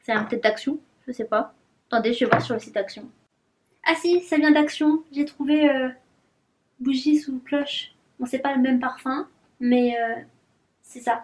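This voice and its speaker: Young woman vlogging at her desk, giggly, chatty, kinda high voice. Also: background noise. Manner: chatty, giggly, talks to herself while unboxing. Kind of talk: casual vlog chat.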